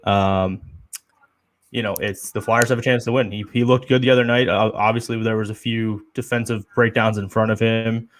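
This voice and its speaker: Young male co-host, lowish voice, rambling opinionated hockey chat, filler-heavy. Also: flat delivery, normal speed, slight background noise. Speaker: podcast co-host. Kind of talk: casual sports chat.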